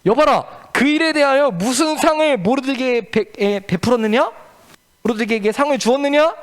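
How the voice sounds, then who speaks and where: A man voicing a commanding ancient king who speaks in grand, old-fashioned royal phrases in a children's Bible story. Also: normal speed. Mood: questioning. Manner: grand archaic royal speech, pitched up. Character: commanding ancient king, generous then furious.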